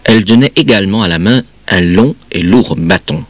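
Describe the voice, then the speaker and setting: A man reading a children's story aloud in an expressive, measured way. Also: lowish voice, no room sound. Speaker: reader.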